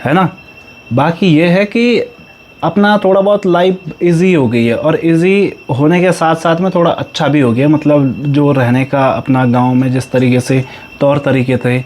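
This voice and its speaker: A young man with an Uttarakhand Pahadi accent, chatting loudly and quickly as a family vlogger telling stories at home. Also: a little high, slight background noise. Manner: talks loud and fast, storytelling. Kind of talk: casual family vlog chat.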